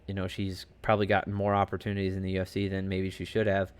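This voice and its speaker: Low-pitched male podcast host, chatty and rambling, casual solo commentary from a home desk. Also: completely flat delivery, quick pace, smooth. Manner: rambling and chatty, heavy on fillers and asides. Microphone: home desk setup.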